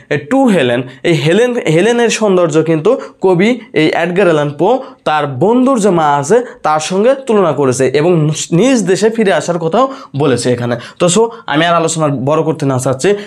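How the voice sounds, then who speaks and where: A man teaching a poetry lesson, asking questions and answering them himself, with English terms mixed in. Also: a little high. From Bangladesh. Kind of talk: lecture on a poem.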